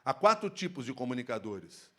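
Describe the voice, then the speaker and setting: A man speaking on stage at a workplace safety event, giving an expressive live lecture into a handheld microphone. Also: mid-range voice, moderate pace. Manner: animated, expressive, shifts tone to demonstrate.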